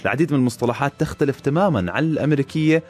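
A man co-hosting a podcast, chatting casually and bantering with his co-host. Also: mid-range voice. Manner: fast, relaxed banter. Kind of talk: casual chat.

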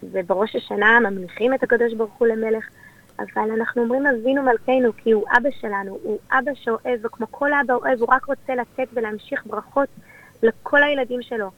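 A woman's voice: a little high, steady tone. A woman with an Israeli accent, speaking as a community leader and guest in a conversational, explanatory radio interview. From born in Australia, raised there and in Israel. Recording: dull, lo-fi radio sound.

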